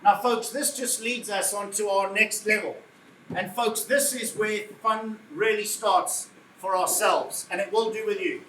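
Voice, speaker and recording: A man's voice: high-pitched, measured pace, a bit bright, a little hiss or hum. Jovial man presenting a car in an echoey room. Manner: jovial, addresses the crowd as folks, jokes with the audience. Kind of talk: live product presentation to an audience. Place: showroom or event space. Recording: echoey room, voice heard from far off, faint ambience.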